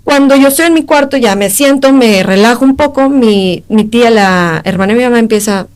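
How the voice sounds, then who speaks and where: Young adult woman, Mexican accent, slightly high voice; emotional podcast testimony, halting, voices the quoted exchanges. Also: a little mellow. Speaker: podcast guest. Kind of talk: personal testimony in a podcast interview.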